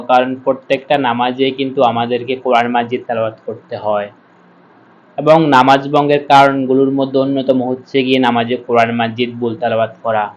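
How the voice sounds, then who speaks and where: A man teaching Quran reading. He spells out each letter slowly and then chants the whole word. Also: medium pitch, lo-fi sound. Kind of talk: step-by-step recitation lesson.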